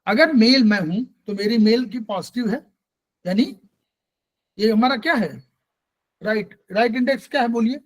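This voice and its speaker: A man with a very high voice teaches an acupressure class in a patient, explanatory way. He keeps checking on his students with questions and restarts his sentences often. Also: moderate pace, long pauses. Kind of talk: online class lecture.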